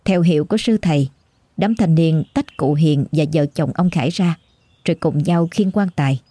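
Low, mellow woman reading a ghost story. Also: no echo. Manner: measured, somber. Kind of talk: scripted ghost story narration. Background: faint music.

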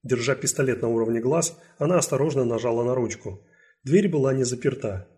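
A man narrating an audiobook thriller in a steady, even storytelling manner. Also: medium pitch, a little fast. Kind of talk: scripted narration.

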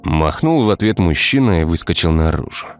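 A man narrating a dark village tale in a scripted storytelling style. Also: deep voice, lively intonation, brisk. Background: faint music.

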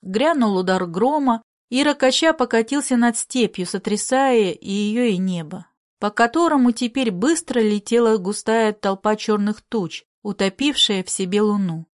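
A woman narrating a literary story in a measured, expressive reading style. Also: mid-range voice.

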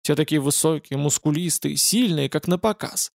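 Male narrator, gravelly and measured, dead-dry studio sound. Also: a little high, no room sound. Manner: measured, dramatic reading. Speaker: audiobook narrator. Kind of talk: scripted narration.

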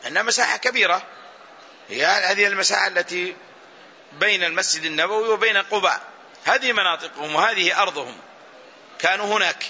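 High, sharp-toned male scholar teaching. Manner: explains each word slowly and repeats phrases to teach. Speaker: Islamic scholar teaching Quran exegesis. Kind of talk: recorded religious lesson. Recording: dull lo-fi recording.

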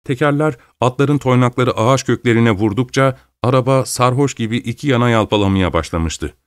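A man reading a story aloud as narrator in a steady, measured manner. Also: mid-range voice, clean tone, no echo, studio quality. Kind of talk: scripted narration.

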